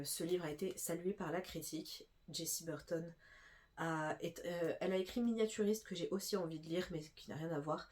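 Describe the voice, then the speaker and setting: A woman's voice: medium pitch, darkish tone. Young woman w stuffy nose rambling about her new books, lots of ums. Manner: chatty, many fillers and restarts. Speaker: booktuber. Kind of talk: casual book haul chat.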